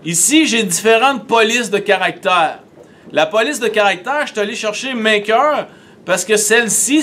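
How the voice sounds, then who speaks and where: A man with a Québécois accent, teaching a software tutorial and talking methodically through each step on screen. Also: high voice, a little hiss or hum.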